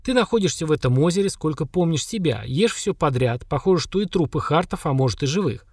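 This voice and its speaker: A man's voice: fairly high pitch, expressive, quick pace, darkish tone, slightly rough, no room sound. Man voicing Slava, a wry hero. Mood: ironic. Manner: ironic, questioning, grumbling. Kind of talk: audiobook character voice.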